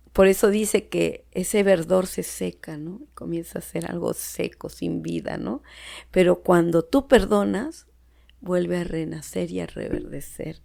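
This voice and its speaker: A woman's voice: lowish voice, vocal fry, dark tone. A woman with a Peruvian Spanish accent giving an earnest personal testimony in conversation, often dropping to a near-whisper. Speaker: podcast guest. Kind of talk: personal testimony in casual chat.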